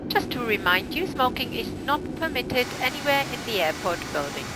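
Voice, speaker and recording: A woman playing a courteous flight attendant, giving formal, measured scripted cabin announcements. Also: fairly high pitch. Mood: polite, formal. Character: courteous female airline cabin crew member. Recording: loud aircraft cabin noise. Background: loud steady aircraft drone.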